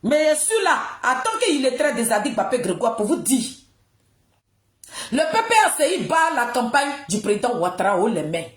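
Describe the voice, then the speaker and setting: In an echoey room, a woman with an Ivorian accent rants about politics in a high voice. Her intonation swings widely as she scolds her audience and hammers phrases by repeating them. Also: big pitch swings, moderate pace. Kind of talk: impassioned political monologue addressed to the public. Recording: roomy, echoing sound.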